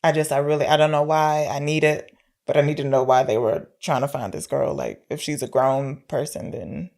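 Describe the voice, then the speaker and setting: A woman co-hosting a podcast chats informally about films, thinking aloud as she goes. Her low voice is a little mellow, with vocal fry, fairly even intonation and normal speed.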